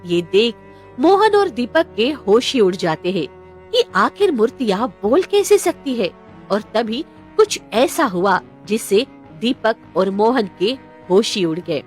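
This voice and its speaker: A woman tells a cartoon moral story with a high, lively, swooping voice. Faint music plays behind her. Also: a little slow. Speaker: narrator. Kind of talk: storybook narration.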